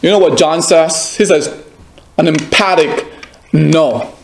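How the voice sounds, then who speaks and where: Male pastor, high and unhurried delivery, sermon with pointed questions to the listener. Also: fairly even intonation, creaky, a little hiss or hum. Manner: emphatic, repeats phrases, asks the listener direct questions. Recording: echoey room.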